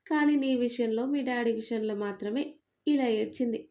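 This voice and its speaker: A woman's voice: a little high, moderate pace, close to an everyday voice. A woman voicing a middle-aged mother who scolds with sarcasm but stays loving. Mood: scolding. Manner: sharp-tongued and sarcastic, then fond.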